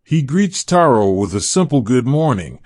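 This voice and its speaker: A man reads a bedtime story at an unhurried pace, with a medium-pitched voice. The delivery is soothing and meditative, made to lull a listener toward sleep. The recording is close and dry, with no room sound. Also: very animated, a little mellow, no echo. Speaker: narrator of a bedtime history story. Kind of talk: slow, scripted sleep-story narration.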